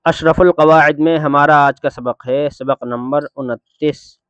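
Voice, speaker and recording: Man with an indian urdu accent, patient spelling drill teacher, smooth clear voice, flat delivery, dry dull recording. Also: a little high, no echo. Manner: spells syllables aloud, then stretches them slowly. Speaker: Quran reading teacher.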